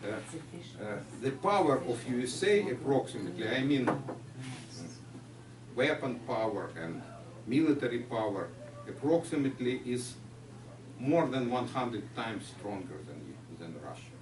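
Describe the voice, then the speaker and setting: A man's voice: mid-range voice, expressive, unhurried. Ukrainian-accented male lecturer taking questions, recorded from afar amid background noise. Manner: non-native phrasing, patient explaining. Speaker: guest lecturer. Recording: echoey room, far mic, noisy.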